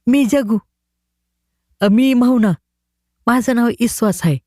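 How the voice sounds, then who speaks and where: A man voicing excited, rustic village boys from the hills. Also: very high-pitched, slow pace, dry recording, studio quality, pitched above the performer's own voice.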